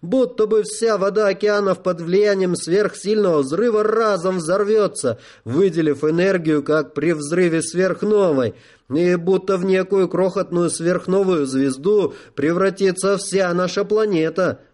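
A man voicing a cowardly, pompous general who keeps breaking into a shrill falsetto. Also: a little slow, a little mellow. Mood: insistent. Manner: frantic, insistent.

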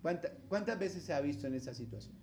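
Pastor preaching, voice jumps all over, high pitched, faint noise behind. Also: male voice, fast talker. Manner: animated preaching, acts out quoted voices, asks the congregation questions. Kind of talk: sermon.

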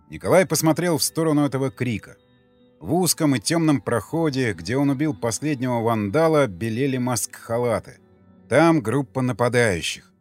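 Male audiobook narrator, mid-pitched, tense and vivid delivery, faint music bed. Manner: tense, vivid reading that rises for loud quoted lines.

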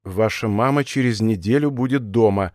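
A man's voice: fairly low pitch, moderate pace, darkish tone, no echo, clean studio sound, lightly acted. A man reading an audiobook voices a curt, irritable male spy posing as a captain, talking dismissively.

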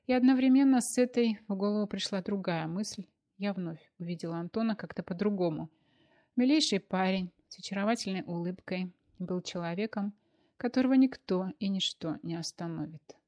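A young woman narrates a dramatic first-person story in an audiobook. Her voice sits at an ordinary pitch for a woman, and she reads quietly and intimately. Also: a little fast, muffled recording.

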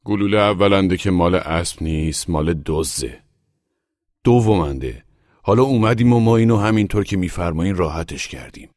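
A man's voice: low voice, darkish tone, dry recording, studio quality, pitched above the performer's own voice, lightly acted. A man voicing a shabby policeman who answers with sarcasm and mockery. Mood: mocking. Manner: sarcastic, mocking. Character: shabby mocking male policeman.

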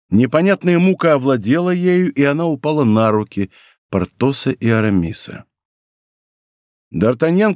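Male narrator, theatrical audiobook reading, lively melody, dry close sound. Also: mid-range voice, no room sound. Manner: expressive, theatrical storytelling.

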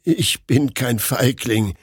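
A man's voice: medium pitch, slow, breathy edge, dry recording, clean studio sound. A man voicing a terrified young male doctor who gasps and pleads in panic. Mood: panicked.

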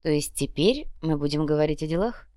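A woman voicing a calm, sly young man in an audiobook, speaking coolly with dry irony. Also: low-pitched, brisk, no room sound. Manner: cool, dry, mildly ironic. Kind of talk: audiobook character voice.

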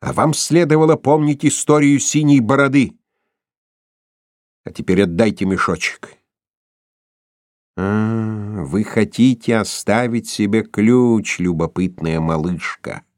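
A man's voice: lowish voice, takes it slowly, darkish tone, no echo, clean studio sound. A man reading the lines of a cruel, jealous tyrant with a sinister, mocking manner. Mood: menacing.

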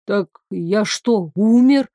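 A woman voicing a hot-tempered young tsarevich who barks insults in a slow, drawn-out way. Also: medium pitch, dark tone, no room sound, studio quality. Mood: angry. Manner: gruff, barking insults, slow drawn-out delivery.

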